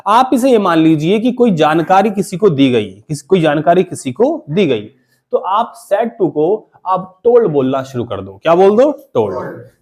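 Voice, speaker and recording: Male classroom teacher, high and very animated pitch; call-and-response questioning. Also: measured pace. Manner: call-and-response questioning, repeats key terms. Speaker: English teacher. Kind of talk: classroom grammar lesson. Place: classroom with students.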